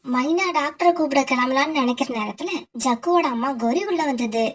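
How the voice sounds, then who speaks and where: A woman narrating a children's cartoon story in a steady, explanatory way. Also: high-pitched, fairly quick.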